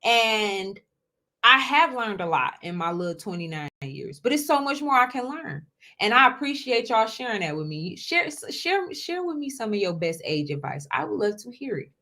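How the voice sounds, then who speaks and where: A woman in her twenties hosts her own show, chatting casually with viewers in a slightly high, sharp voice with big pitch swings at normal speed. She often repeats words, calls her audience y'all, and asks "okay?"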